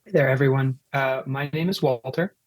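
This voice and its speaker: A twenty-four-year-old man, a peer support worker, chatting on a podcast in a relaxed way. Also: medium pitch, moderate pace, no room sound. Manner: relaxed, with "uh" and "you know" fillers. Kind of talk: casual podcast chat.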